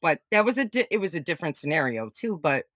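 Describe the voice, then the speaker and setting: A woman in her forties telling personal stories in a casual podcast chat, blunt and animated, with some swearing. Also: sits low, quick pace, no echo. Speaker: guest.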